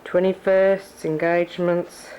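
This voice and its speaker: A woman's voice: fairly low pitch, little pitch movement, takes it slowly, dark tone, slight background noise, low-quality recording. An Australian woman giving a chatty, reminiscing tour of her family home on a home video. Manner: reminiscing, chatty narration while walking. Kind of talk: casual home-video walkthrough. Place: family house and backyard. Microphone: camcorder microphone.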